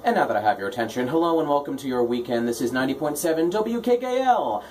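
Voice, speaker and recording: Male radio host for offbeat, self-mocking patter; lively, swooping intonation, faint background noise. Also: mid-range voice, fast talker. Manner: playful, tongue-in-cheek, self-deprecating. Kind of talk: casual comic radio patter.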